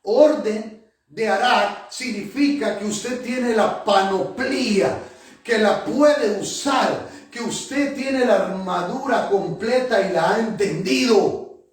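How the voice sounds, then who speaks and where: A man's voice: high voice, slow pace. A male pastor preaching a sermon to his congregation, emphatic, repeating phrases for effect. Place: church hall. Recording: very echoey church hall, mic at a distance.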